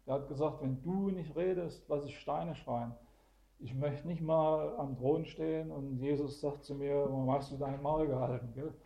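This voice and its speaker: A man's voice: on the high side, steady tone, moderate pace, creaky, dark tone. A man teaching the Bible to a small group, explaining verses one by one and often adding "gell?" to check that listeners follow. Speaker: preacher.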